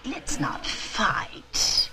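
A woman's voice: drawn-out words, over loud music. An actress playing a meddling, haughty witch grandmother who talks theatrically and teases condescendingly, in 1960s sitcom style. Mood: mocking.

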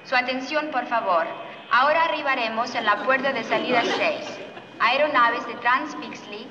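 An actress playing a formal airport gate announcer, heard over a PA system in a 1960s sitcom. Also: female voice, a little high, fairly quick, crowd noise. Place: airport terminal. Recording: echoey distant hall, dull and noisy.

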